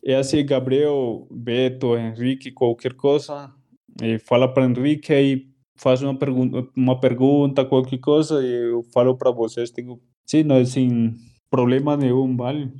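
A Spanish-speaking man with a Colombian accent, a guest in a casual podcast interview, speaking haltingly as he searches for words and slips into Spanish. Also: medium pitch, flat delivery, warm tone.

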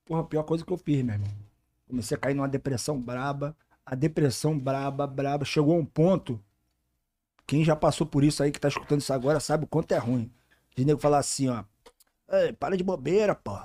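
A man tells stories on a podcast in slangy casual speech. He acts out the people in his stories as he goes. His voice sits a little high. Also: fast, warm tone. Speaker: podcast guest. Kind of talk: casual storytelling chat. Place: podcast studio.

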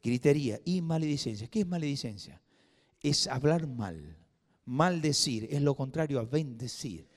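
A man preaching a sermon in a church, swinging from loud emphatic bursts to hushed asides. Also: mid-range voice, lively intonation, moderate pace. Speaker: pastor. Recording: long hall reverb.

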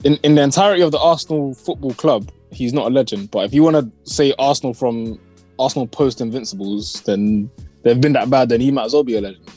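A man's voice: medium pitch, fast, darkish tone, soft background music. A young man with a London roadman accent, debating football casually in a blunt, insistent way. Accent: London, urban British slang. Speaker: podcast co-host.

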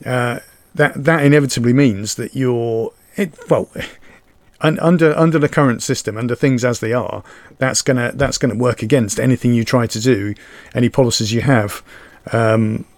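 A man's voice: mid-range voice, no echo. A man in casual chat who talks hesitantly and restarts often while he searches for words. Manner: hesitant, halting, many fillers and restarts.

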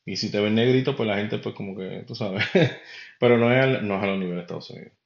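Puerto Rican man, podcast host, casual opinion monologue, rambling, lowish voice, roomy dull recording. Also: quick pace, gravelly. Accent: Puerto Rican Spanish. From Puerto Rico. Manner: rambling, conversational, addresses listener directly.

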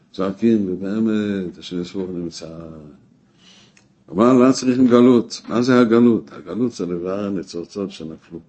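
A man teaching a weekly Torah class, emphatic, rising to exclamations and dropping low again. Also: dark tone, muffled recording. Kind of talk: spoken Torah lesson.

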